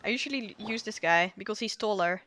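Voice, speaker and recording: This fast-talking woman has a mid-range voice that sounds pushed and bright, with a little hiss or hum in the recording. Game music plays as she casually chats through her playthrough, reading dialogue aloud and rambling with self-deprecating giggles.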